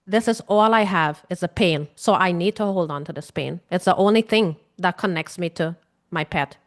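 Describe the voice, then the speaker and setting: This is a woman with a Guyanese accent, an emotional healing coach, talking at normal speed in a lowish voice. The delivery is casual and earnest, aimed straight at her viewers, with repeated points and questions posed to them.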